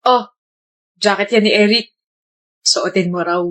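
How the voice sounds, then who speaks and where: A young woman acting out comedy skits in a playful, animated way. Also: medium pitch, measured pace. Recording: echoey room.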